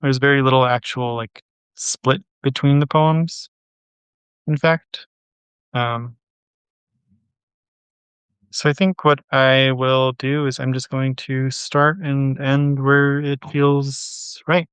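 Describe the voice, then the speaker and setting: A man with a smooth, resonant voice at an ordinary pitch reads poetry aloud at a measured pace. Between poems he thinks aloud, hesitant and full of fillers. The recording is dry and close, with no room echo. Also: flat delivery, fairly bright tone. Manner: measured, unhurried poem reading. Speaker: poetry channel host. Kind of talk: poetry reading and casual discussion.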